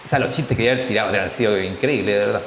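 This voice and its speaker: A man's voice: lowish voice, racing. A man with a Chilean accent giving a conversational church Bible study, often checking in with his listeners and slipping in jokes. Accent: Chilean Spanish. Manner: conversational, often adds tag questions, jokes. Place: church hall. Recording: echoey hall, faint hiss.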